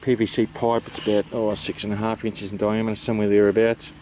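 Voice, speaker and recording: An Australian man talks through practical details in a low voice with very little melody. He is unscripted and hesitant, explaining things in a plain, matter-of-fact way. There is some noise behind him. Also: level tone, fast, a little mellow. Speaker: amateur radio operator presenting. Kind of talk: informal explanatory vlog.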